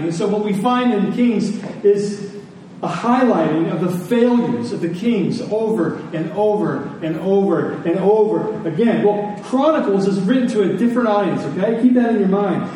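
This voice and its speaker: High-pitched and warm, a man's voice delivers a sermon to a Sunday congregation in a conversational, teaching style full of repetition and rhetorical questions. The sound is echoey, with the mic far off and faint noise present.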